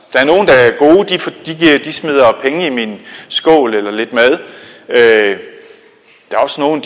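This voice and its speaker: A man's voice: medium pitch, in a large hall, lightly acted. A man voicing a weary blind young beggar. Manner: plain storytelling voice, musing aloud.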